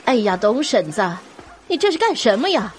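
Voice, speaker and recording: A woman's voice: a little high, sing-song, moderate pace, faint music behind. A woman playing a nosy, scolding middle-aged village woman in an audio drama.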